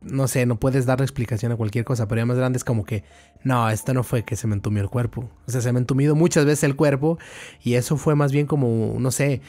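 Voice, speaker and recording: A man's voice: medium pitch, steady tone, quick pace, mellow, faint music behind. A man hosting a podcast, asking questions and reasoning aloud in casual talk. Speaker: podcast host. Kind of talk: casual interview.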